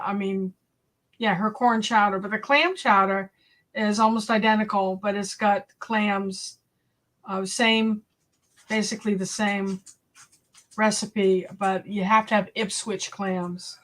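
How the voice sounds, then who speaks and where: A woman from New England hosts a relaxed live-stream chat. She talks at an unhurried, leisurely pace in a mid-range voice, answering viewer comments and reading recipe lists aloud. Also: mid-range voice. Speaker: homestead channel host.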